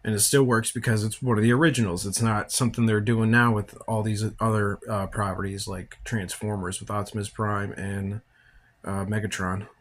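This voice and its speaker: Tired, low-voiced man talking casually. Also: normal speed. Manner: relaxed, rambling, thinks aloud. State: tired, yawning. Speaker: podcast host. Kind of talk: casual film commentary.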